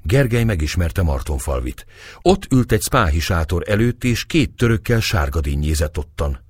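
A man narrating a historical novel as an audiobook, expressive and dramatic. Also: low-pitched, husky, no room sound, studio quality.

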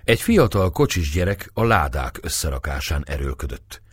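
A man reading a historical novel aloud in steady storytelling narration. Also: very deep voice, slightly rough. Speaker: audiobook reader.

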